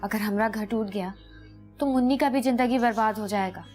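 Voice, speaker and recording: Girl doing a worried young daughter, high, music under. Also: brisk, darkish tone, lightly acted. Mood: earnest. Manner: earnest, pleading. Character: anxious young married daughter. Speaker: actor.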